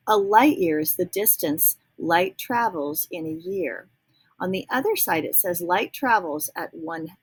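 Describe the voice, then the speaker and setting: A female read-aloud storyteller with a mid-range, gravelly, slightly rough voice reads a children's picture book. She pauses to ask young listeners gentle, teacherly questions and sometimes drops into soft whispers, all on a low-quality recording.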